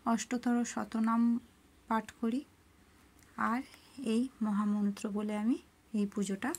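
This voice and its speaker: A middle-aged woman narrating her cooking and home worship step by step in a soft, homely way. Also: a little high. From rural Bengal. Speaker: cooking and devotional vlogger.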